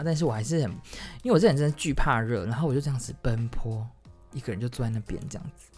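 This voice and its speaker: Fast-talking guy w taiwanese mandarin accent, rambly storytime, keeps restarting, voice jumps high when excited, faint music behind. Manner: rambling, frequent self-corrections and restarts. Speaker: solo podcaster. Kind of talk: casual storytelling monologue.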